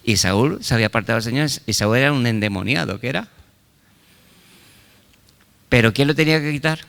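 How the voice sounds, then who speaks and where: An older man preaches a sermon with fervor. He throws call-and-response questions at his listeners and punctuates his points with quick exclamations of praise. His voice sits at a middling pitch and rings with the long reverb of a large hall. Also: gravelly, fairly bright tone. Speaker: pastor.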